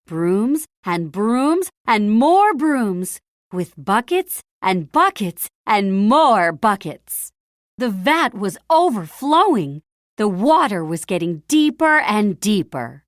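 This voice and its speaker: In a dry recording with no room echo, a woman reads a children's story as its narrator. Her medium-pitched voice is lively and melodic, moving at a measured, slightly slow pace, and she leans on key phrases for drama.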